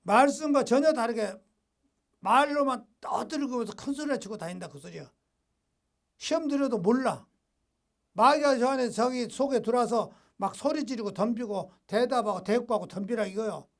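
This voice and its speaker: A man preaching a sermon as a pastor. He switches between reading a devotional text and blunt, scolding asides in rough everyday speech. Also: extremely high pitch, moderate pace. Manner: informal, rough-edged colloquial talk.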